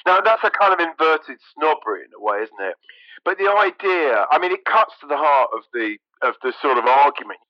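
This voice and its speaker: A man's voice: on the high side, sing-song, fairly quick, no echo, muffled recording. A middle-aged man, a music journalist talking as a guest in an interview, thoughtful and hesitant, often restarting his sentences. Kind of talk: casual interview talk.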